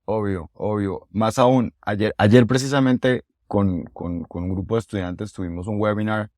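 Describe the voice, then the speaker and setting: A man's voice: lowish voice, steady tone, measured pace, darkish tone, no room sound, clean studio sound. A man hosting a podcast interview as an English coach, talking in a conversational and enthusiastic way and often repeating a word before going on. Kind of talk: casual interview.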